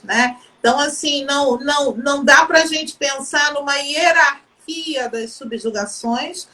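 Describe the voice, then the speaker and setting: Brazilian woman academic, measured delivery, high bright voice, a little far from the mic. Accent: Brazilian Portuguese. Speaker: guest professor. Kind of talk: live-stream discussion.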